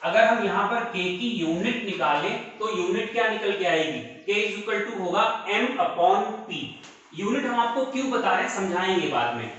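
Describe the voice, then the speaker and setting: A man teaching a chemistry lesson in a high, bright voice. He slows right down to dictate definitions word by word and calls his students "beta". His voice rings around a very echoey room. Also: expressive, muffled recording. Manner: addresses students fondly as "beta". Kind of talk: classroom lesson in Hindi with English terms.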